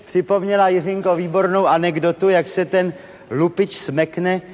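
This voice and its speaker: A man's voice: high voice, fairly even intonation, darkish tone, lightly acted. A man playing a fussy, chatty compere in a stage comedy sketch, telling jokes. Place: theatre stage before an audience. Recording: reverberant hall with faint noise.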